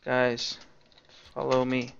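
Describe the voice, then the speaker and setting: A man's voice: mid-range voice, monotone, slow, gravelly, a bit bright, muffled recording, a little hiss or hum. A young man giving casual, sarcastic commentary over his own gameplay, swearing freely as he explains what he is doing. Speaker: game streamer.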